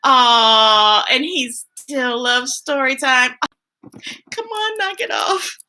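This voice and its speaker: With a voice that sits high and a slow delivery, a woman runs a children's story time. She reads picture books expressively and gushes over viewers in animated, playful chatter.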